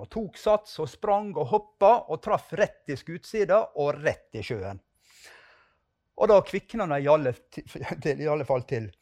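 A man's voice: a little high, a little mellow. A man giving a spoken testimony and a fervent prayer as a preacher on a podcast.

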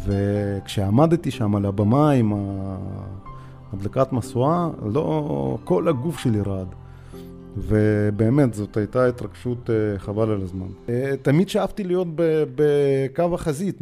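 A man in his forties with a Russian accent tells his own story as a podcast guest. His voice is mellow and warm, and he speaks haltingly, often pausing on filler sounds. Faint music plays underneath. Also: medium pitch. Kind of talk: personal storytelling.

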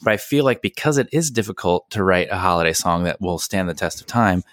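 A man's voice: deep voice, expressive, brisk, fairly bright tone, no room sound, clean studio sound. A man co-hosting a casual chat, joking and self-deprecating. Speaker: podcast co-host.

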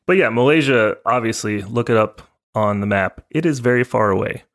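A podcast co-host with a fairly low, fairly bright voice talks fairly quickly in a casual chat. He's telling a travel story and acts out the voices of the other people in it.

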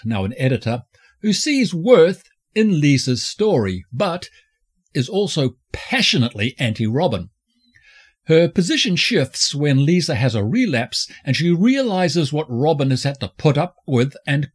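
A man hosting a film review podcast, reading scripted narration in a campy, flamboyant drag-queen manner with a husky voice. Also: on the high side.

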